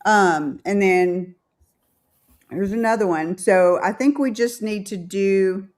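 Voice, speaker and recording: A woman's voice: mid-range voice, slow pace, darkish tone. A woman hosting a casual livestream chat, chatty and bubbly. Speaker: host.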